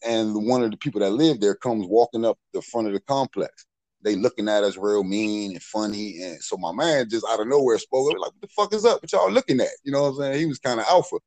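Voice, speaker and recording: A man's voice: lowish voice, fairly quick, warm tone, no echo, rough recording. A middle-aged man telling street stories in a casual, profane way, full of "you know what I'm saying.". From Maryland, USA. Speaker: podcast storyteller.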